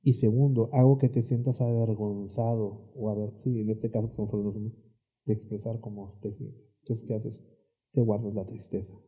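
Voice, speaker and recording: A man with a Mexican accent, a therapist guest explaining emotions in a calm, reflective podcast conversation. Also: fairly low pitch, moderate pace, breathy edge.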